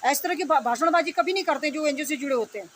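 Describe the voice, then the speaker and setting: High-pitched scolding woman, indignant rant. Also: fast. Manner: repeats phrases and rhetorical questions, tag questions. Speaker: online video commentator. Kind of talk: unscripted opinion rant addressed to opponents. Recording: steady background noise.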